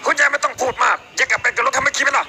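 A man hosting a comedy role-play, full of crude teasing and bossy banter. His voice is very high and sharp, and he talks quickly with little pause. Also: slight background noise. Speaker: host.

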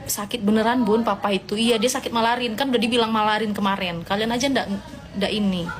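On a casual live stream, a woman reads viewer comments aloud and answers them playfully, gently scolding her followers like a mother would. Her voice is mid-range, and there's a faint hiss or hum in the recording.

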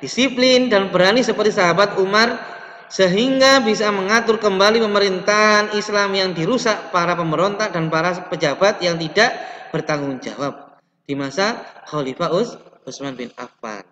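Young male teacher, high voice, reads slides and explains with restarts, echoey room, muffled webcam sound. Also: normal speed, bright, forceful tone. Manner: reads slides aloud and adds explanation, with restarts and stretched words. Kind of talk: online lesson explaining slides. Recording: roomy, reverberant, dull lo-fi webcam audio.

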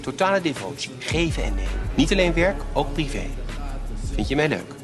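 A domineering criminal boss, fairly high in pitch with swinging intonation. His film dialogue is clipped and commanding, with music behind. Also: big pitch swings, brisk. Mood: controlling. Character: domineering male criminal boss demanding total devotion. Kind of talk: film acting, gangster crime comedy.

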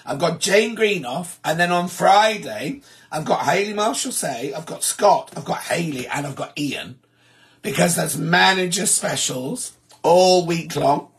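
A man with a sore, hoarse throat hosting a live stream, chatting casually and reading out viewer comments. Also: a little high, expressive, measured pace, fairly bright tone. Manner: chatty, rambling, self-deprecating.

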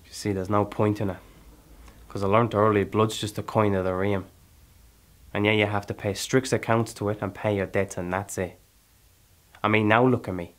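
This male actor, fairly low-pitched and Irish, lightly acts a theatrical monologue as a hardened, restless settler with blood on his hands, proud and brooding. Keeping his intonation fairly even, he speaks deliberately, leaves pauses and questions his listener in a quiet, cold mood.

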